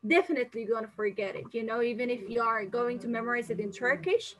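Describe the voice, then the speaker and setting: Woman from Singapore, live-stream English exam tutor; chatty, filler-heavy delivery, bright and fairly high-pitched. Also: quick pace, low-quality recording. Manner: chatty, reads viewer questions aloud and answers them; frequent fillers and restarts, non-native phrasing. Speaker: English teacher.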